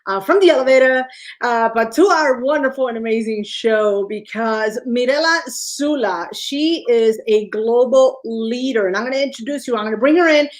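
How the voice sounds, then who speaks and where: A woman's voice: fairly high pitch, normal speed. A woman hosting a show, introducing her guest with effusive praise and repeated welcomes. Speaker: co-host.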